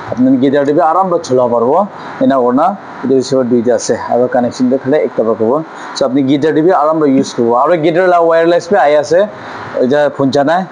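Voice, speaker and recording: In a small, cluttered music store, a man gives an informal tour as he presents the stock he's selling, rambling, repeating himself, and mixing in English words. His mid-range voice is a little mellow, and the poor audio carries some hiss or hum.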